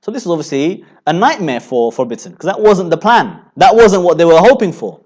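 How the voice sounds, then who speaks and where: A man giving a religious lecture, building rhetorical points and filling pauses with "you know" as he repeats phrases. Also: sits high, big pitch swings, a little mellow. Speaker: Islamic preacher.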